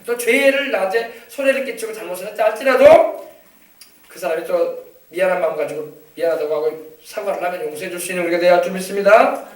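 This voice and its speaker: A man's voice: high voice, fast talker. A male pastor preaching a sermon, exhorting his congregation and prompting them to answer, often repeating phrases for emphasis. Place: church sanctuary. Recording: echoey church hall from far off.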